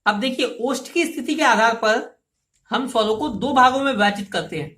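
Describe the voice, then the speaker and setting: A woman's voice: a little high, normal speed, a bit bright, echoey room. A woman teaching a grammar lesson. She explains patiently and step by step, repeats key terms and asks listeners to say the sounds aloud themselves. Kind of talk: classroom lesson.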